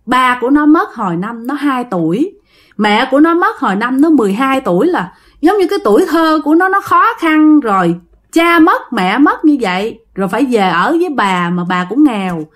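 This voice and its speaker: A woman's voice: high-pitched, big pitch swings, moderate pace, fairly bright tone. A woman with a Southern Vietnamese accent telling a ghost story in a chatty way, repeating phrases and talking straight to her listeners. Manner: chatty, repetitive, addresses listeners directly. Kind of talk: casual ghost story narration.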